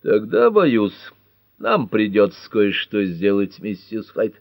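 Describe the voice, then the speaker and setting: A man's voice: fairly low pitch, sing-song, slow pace, no room sound, full character voice. A man doing a dogged police chief. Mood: insistent. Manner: firm, official, insistent. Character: stubborn middle-aged police chief, dogged.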